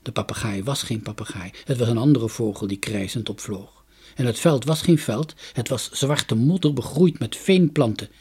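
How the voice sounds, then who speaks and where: A man reading a children's story aloud in an expressive, dramatic way. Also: mid-range voice, normal speed, slightly rough. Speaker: narrator.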